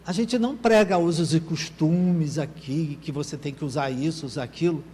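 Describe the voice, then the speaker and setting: A man's voice: fairly high pitch, moderate pace, dark tone, a little hiss or hum. A man preaching a sermon as pastor, often asking the congregation for an amen. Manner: asks the congregation "Amém, querido?" often. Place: church. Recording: long church reverb.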